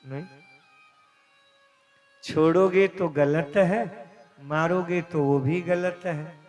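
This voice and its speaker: A male preacher recounts a devotional story at a slow, deliberate pace, swelling and dropping for dramatic effect. His fairly high voice rings out in a long hall reverb. Faint instrumental music plays underneath. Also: steady tone, darkish tone. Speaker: katha preacher. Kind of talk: devotional scripture storytelling sermon. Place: live religious gathering.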